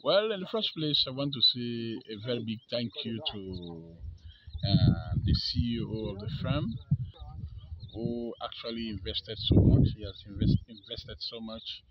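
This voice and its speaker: A man's voice: mid-range voice, very animated, a little slow, lo-fi sound, heavy background noise. A male agriculture official giving a formal, emphatic statement in a field interview.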